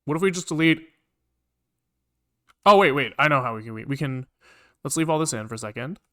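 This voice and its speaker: Speaking on the high side, this man talks briskly in a pushed, bright voice, captured dry with studio quality. It's casual live coding commentary: he's streaming, thinking out loud, muttering, repeating himself and occasionally cursing over the clatter of typing and clicks.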